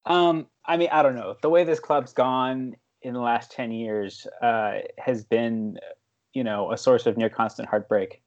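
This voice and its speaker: A man's voice: mid-range voice, fairly even intonation, a little slow. Thoughtful male football pundit, dull audio. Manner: thoughtful, hesitant, many fillers. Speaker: football writer panelist. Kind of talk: casual podcast discussion.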